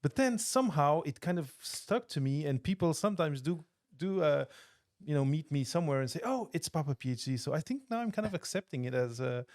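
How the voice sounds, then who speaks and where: A man's voice: a little high, lively intonation, brisk, a little mellow. Thoughtful man from Portugal, podcast guest. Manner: thoughtful, many restarts and fillers. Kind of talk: casual interview chat. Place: podcast studio.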